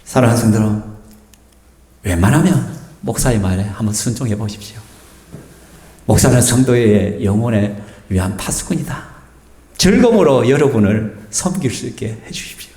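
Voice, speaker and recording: A male pastor with a Gyeongsang Korean accent preaching a sermon in a church, chatty and often asking the congregation questions. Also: mid-range voice. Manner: lively, conversational, asks the congregation questions. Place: church sanctuary. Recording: reverberant church hall.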